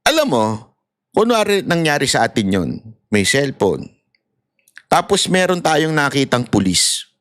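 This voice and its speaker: A man's voice: on the high side, big pitch swings, unhurried, pauses often, a bit bright, no echo, clean studio sound. A man in impassioned political commentary, ranting and mocking, with laughs and acted-out voices. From Philippines.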